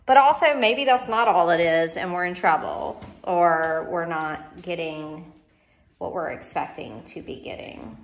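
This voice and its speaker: A woman's voice: on the low side, animated, a little slow, a little hiss or hum. A woman vlogging her house renovation, talking through her doubts in an uncertain, worried way. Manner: uncertain, worried thinking aloud. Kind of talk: casual vlog narration.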